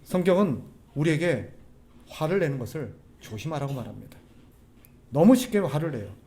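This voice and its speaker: A man preaching a sermon as a pastor, animated, putting rhetorical questions to the congregation. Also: a little high, moderate pace. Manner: acts out quoted people's voices.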